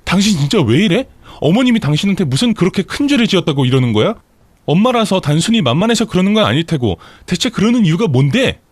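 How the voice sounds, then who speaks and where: A man voicing a young mother and wife who shouts at her husband in shrill, high outbursts, in a story read for radio. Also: sing-song, quick pace, dry recording. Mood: furious shouting.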